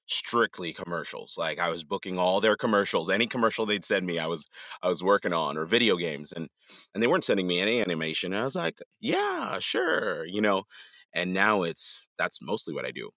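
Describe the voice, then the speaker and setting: A man with a very low voice and a bright, forceful edge talks through his work as a guest in a casual interview. He drifts and restarts his sentences as he goes. The sound is dry and close. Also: quick pace, no echo. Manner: relaxed, rambling, many restarts and fillers. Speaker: voice actor guest.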